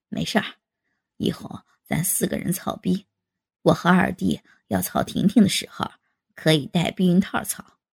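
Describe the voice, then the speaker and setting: A woman voicing a brash, teasing middle-aged man in an adult audio story, dropping into a husky low voice. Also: darkish tone.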